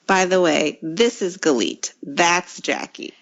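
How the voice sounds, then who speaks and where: A woman co-hosting a podcast in casual chat, sounding sleepy and quick to laugh. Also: fairly low pitch, highs cut off. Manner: laughs readily while talking. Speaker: podcast co-host.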